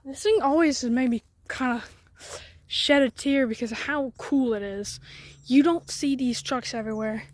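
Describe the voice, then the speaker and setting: A woman's voice: high-pitched, moderate pace, no room sound. A woman hosting a casual walkaround vlog outdoors in the woods. She rambles in a chatty way and sometimes drops to near-whispers. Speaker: garage channel host. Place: outdoors in woods by an old truck.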